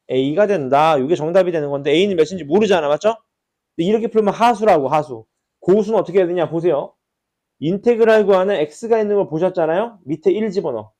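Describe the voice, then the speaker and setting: His voice sits high with a warm tone as this man teaches a math class at the whiteboard in a classroom. He often checks in through rhetorical questions and repeats key words to emphasize them.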